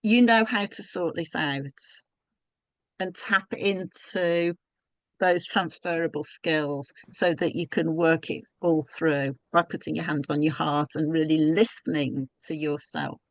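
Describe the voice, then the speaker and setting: A woman's voice: low voice, steady tone, measured pace, no echo, poor audio. Brief: woman podcast guest, mid-range voice, reflective and advising, dry close sound. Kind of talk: casual podcast conversation.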